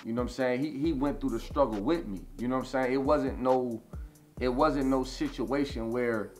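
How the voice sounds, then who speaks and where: A man's voice: medium pitch, normal speed, faint music behind. A man in his thirties telling a long personal story in a casual interview, rambling with lots of "you know what I'm saying" and swearing. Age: 30s. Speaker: interview guest.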